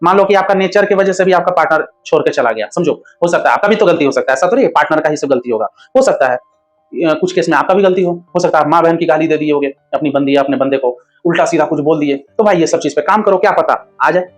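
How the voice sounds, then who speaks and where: A man's voice: a little high, quick pace, soft background music. A man hosting a relationship advice talk, speaking bluntly and crudely, scolding viewers like a brother.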